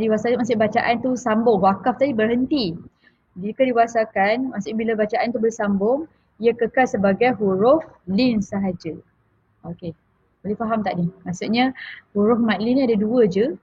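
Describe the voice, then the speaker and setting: A woman's voice: mid-range voice, a little mellow, slightly rough, no echo, lo-fi sound. A woman with a Malaysian Malay accent teaching a recitation lesson in a casual, hesitant way, with many fillers and restarts as she repeats key points. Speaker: tajwid teacher.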